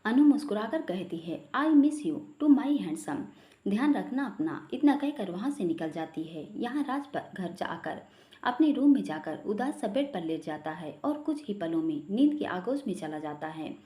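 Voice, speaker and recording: A woman reading a family story aloud in a steady, expressive way. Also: medium pitch, normal speed. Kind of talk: scripted story narration. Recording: roomy echo.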